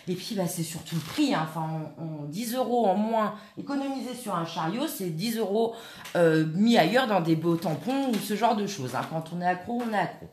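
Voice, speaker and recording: A woman's voice: mid-range voice, animated, moderate pace, darkish tone, a little hiss or hum. A woman hosting a live craft tutorial, chatting while she works and answering viewers by name. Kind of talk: live craft demonstration with chat replies. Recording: echoey room.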